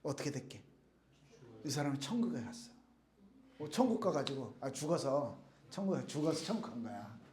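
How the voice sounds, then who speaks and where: A man's voice: medium pitch, sing-song, normal speed, pauses often, darkish tone, reverberant. A man giving a casual youth sermon, telling stories in plain speech and acting out the quotes himself. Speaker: youth pastor. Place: church youth service room.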